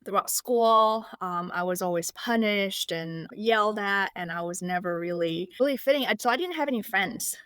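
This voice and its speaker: A woman's voice: mid-range voice, normal speed, hardly any pauses, fairly bright tone, smooth, no room sound. Hesitant woman from Indonesia, dry sound. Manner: hesitant, many fillers and restarts. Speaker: guest. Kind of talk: casual interview.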